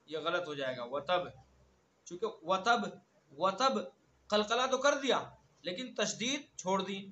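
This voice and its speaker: Male recitation teacher, high bright voice, slow chanted verses, drills words by repeating them, dull lo-fi recording. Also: reverberant, slight background noise. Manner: slow drawn-out recitation of verses between quick explanations. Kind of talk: online tajweed lesson.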